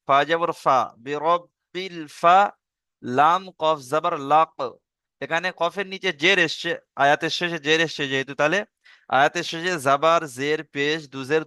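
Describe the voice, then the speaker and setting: A man with a Bengali accent leads a Quran reading lesson, spelling out each letter and vowel mark before chanting the verse slowly for learners to repeat. His voice is bright and smooth, and the recording is close and dry. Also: on the high side, dry recording. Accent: Bengali, from eastern India. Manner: asks learners to repeat after him. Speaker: Quran recitation teacher.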